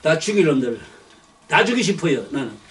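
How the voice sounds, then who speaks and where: A man's voice: a little high, big pitch swings, fairly quick, a bit bright, distant mic. An older man giving a blunt, rambling sermon, swearing and repeating himself. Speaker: preacher.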